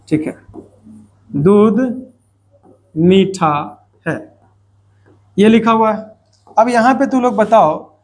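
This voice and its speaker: A high-pitched man teaches students a grammar lesson, repeating points and posing questions he answers himself. He adds playful asides along the way.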